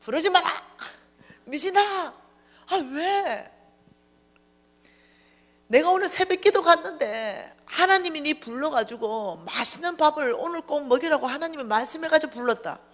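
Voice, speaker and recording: A woman voicing her wealthy, boastful friend, calling out loudly and teasing. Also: high-pitched, animated, a little fast, hardly any pauses, voice pushed up. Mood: shouting.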